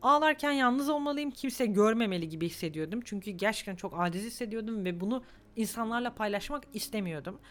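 A woman's voice: mid-range voice, animated, quick pace. A woman in her twenties hosting a solo podcast, talking candidly and emotionally, close to tears at times. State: on the verge of tears. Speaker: podcast host. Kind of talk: reflective solo podcast monologue.

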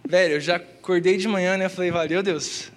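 High-voiced young Brazilian preacher. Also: male voice, fairly even intonation, quick pace. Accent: Brazilian Portuguese. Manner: slangy and earnest, peppered with "cara" and "velho". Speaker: youth preacher. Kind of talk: casual testimony sermon. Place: church.

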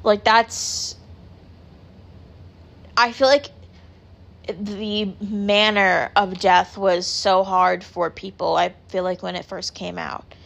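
Woman, casual chat host, vocal fry, loose rambling talk full of fillers, swears freely. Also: medium pitch, steady tone, takes it slowly, pauses often, fairly bright tone. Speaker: podcast host.

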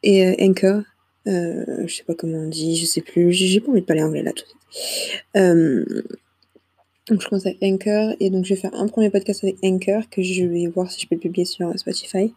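A woman's voice: on the low side, steady tone, fairly quick, warm tone, husky. A young woman hosting her own podcast, rambling casually with hesitations and self-deprecating asides, into a small microphone. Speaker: podcast host. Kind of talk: casual solo podcast chat.

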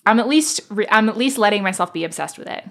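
A woman from Manhattan, New York, with an American accent chats casually in a bubbly, self-deprecating way, dropping "like" throughout. Her mid-range voice is gravelly and a bit bright, with lively intonation and a quick pace.

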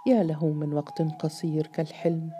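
A grief-stricken young man, sighing and mournful, as a woman narrator puts him on. The delivery is soft, low and dark in the manner of a storybook. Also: little pitch movement, normal speed, soft background music, lightly acted.

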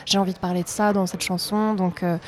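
A woman's voice: fairly low pitch, level tone, quick pace. Young French woman, conversational interview voice. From south-east France. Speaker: singer-songwriter being interviewed.

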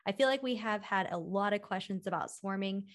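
A woman co-hosts a podcast in a loose, chatty manner. She often pauses on fillers as she thinks aloud, and her delivery stays relaxed and conversational. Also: mid-range voice. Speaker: podcast co-host. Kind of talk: casual podcast chat.

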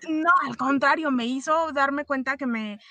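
High, bright-voiced Mexican woman. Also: moderate pace, no room sound. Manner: animated storyteller, acts out dialogue. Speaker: guest telling a personal story. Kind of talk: casual podcast chat.

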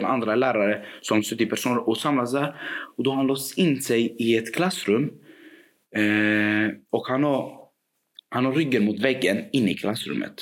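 A man telling a story in casual podcast chat, animated and acting out the dialogue, with frequent fillers. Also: mid-range voice.

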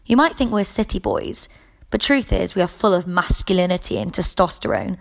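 A woman reading the lines of a joking teenage boy who shows off, a little louder than her narration. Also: fairly low pitch, brisk, gravelly. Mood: teasing.

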